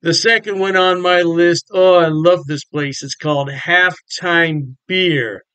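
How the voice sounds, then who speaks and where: A man's voice: a little high, steady tone, takes it slowly, fairly bright tone, clean tone, no room sound, low-quality recording. An older man chatting in a folksy way from his home, reviewing beer and repeating lines for emphasis. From Ohio. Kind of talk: casual beer review vlog. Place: home room with framed beer signs on the walls.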